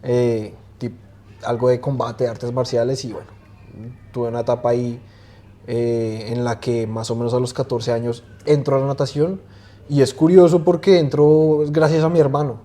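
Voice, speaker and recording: A man in his twenties, a guest talking casually in an interview and often pausing with fillers and restarts. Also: mid-range voice. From Colombia. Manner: relaxed, hesitant, many fillers and restarts. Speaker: guest swimmer.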